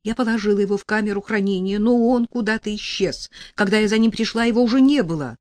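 A woman's voice: mid-range voice, fast talker, a little mellow, no room sound, pitched above the performer's own voice, natural voice. A woman reading an audiobook and voicing a frightened young woman who pleads agitatedly. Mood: pleading.

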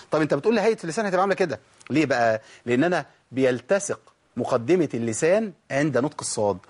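A man's voice: on the high side, husky. A man with an Egyptian accent teaching Quran recitation rules, asking listeners questions and answering them himself while demonstrating letter sounds. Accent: Egyptian Arabic. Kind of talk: recorded tajweed lesson.

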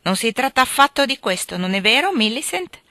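Drunk bully of a gentleman yelling, bright and loud, dry sound, a woman putting him on. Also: fairly high pitch, sing-song, fairly quick, no echo, pitched above the performer's own voice, heavily acted. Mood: shouting. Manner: loud, shouting, coarse. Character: brutish drunken bellowing young nobleman.

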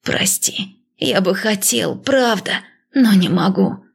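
A woman voicing a gentle, cautious male god who speaks in a soft, hesitant, reassuring way. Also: mid-range voice, slow, creaky, husky, exaggerated voice.

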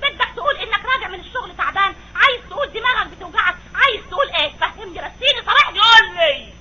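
A woman playing a chatty nagging wife in a vintage radio comedy, talking nonstop and shrill, on a dull old recording with hiss. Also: expressive, racing. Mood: scolding. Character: chatty nagging wife, middle-aged, scolding. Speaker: actress in comedy sketch.

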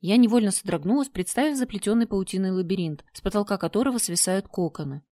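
A woman reading a first-person story aloud, with expressive storytelling. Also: mid-range voice, quick pace, no room sound. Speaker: narrator. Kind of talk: first-person audiobook narration.

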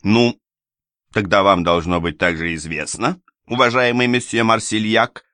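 A haughty noblewoman sneers and snaps in a raised, shrill voice, as a male reader puts her on. Her scorn is constant, and the dry, close sound keeps every jab sharp. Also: sing-song, unhurried, no room sound, heavily acted. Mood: scornful.

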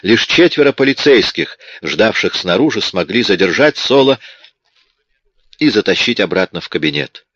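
A man narrating a crime novel as an audiobook, in a steady storytelling manner. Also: lowish voice, normal speed, husky, dry recording. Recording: dull lo-fi audiobook recording.

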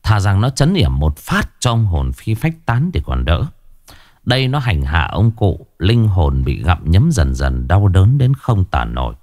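Brief: male ghost-story narrator, low voice, animated lilt, dry close sound. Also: a little slow, no echo. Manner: lively, expressive reading.

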